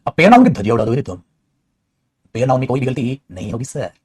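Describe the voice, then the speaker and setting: A man teaching English grammar in an animated, teasing classroom style, often calling his students "beta". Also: medium pitch, fast, slightly rough. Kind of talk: lively classroom lecture. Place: studio.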